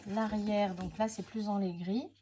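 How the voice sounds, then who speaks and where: A woman's voice: mid-range voice, fairly even intonation, measured pace, background noise. Chatty woman unboxing craft supplies. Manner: chatty and hesitant, many fillers and self-corrections. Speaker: scrapbooking crafter presenting her channel. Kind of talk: casual unboxing chat to camera.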